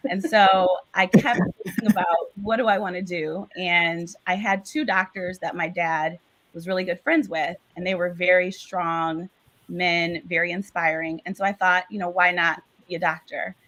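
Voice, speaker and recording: A woman physician answering interview questions in a lively, candid storytelling manner. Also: on the low side, rough recording. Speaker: physician guest.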